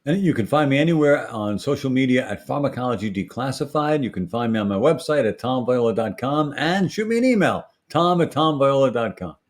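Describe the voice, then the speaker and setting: A man's voice: mid-range voice, lively intonation, fairly quick, few pauses. A man with a Brooklyn accent gives a conversational expert explanation in an emphatic, teacherly way, often checking in with short tag questions. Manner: emphatic teacherly delivery with frequent tag questions like "right" and "okay". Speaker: dental pharmacology expert guest.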